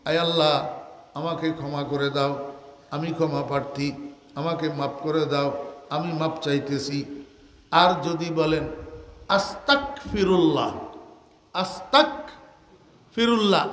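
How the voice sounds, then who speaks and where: Older man, Bangladeshi Bengali accent, waz preacher, high voice, quizzes the crowd, long hall reverb. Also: fairly bright tone. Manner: asks the crowd questions and answers them himself; draws out Arabic words slowly, half sung. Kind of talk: waz sermon.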